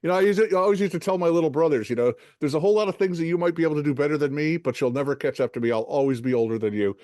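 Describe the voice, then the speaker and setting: Easygoing man in his sixties on a video call, a touch high-pitched, dry close sound. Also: racing, darkish tone, no echo. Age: 60s. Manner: easygoing, laughs along. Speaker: panelist. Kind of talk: casual panel chat.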